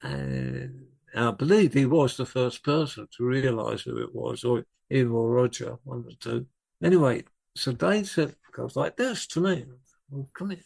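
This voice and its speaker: Slow, gravelly older man. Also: medium pitch, darkish tone. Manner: rambling, self-correcting anecdotes. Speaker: guest, rock drummer. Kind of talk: relaxed storytelling in conversation.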